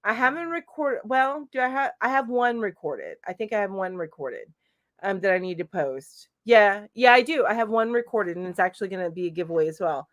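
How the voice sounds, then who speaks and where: A woman's voice: mid-range voice, expressive, a little fast, no echo, clean studio sound. A middle-aged woman hosting a live chat stream from home, casually reading out viewer comments and responding with lots of fillers. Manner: chatty, reads comments aloud with frequent fillers. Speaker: crochet channel host.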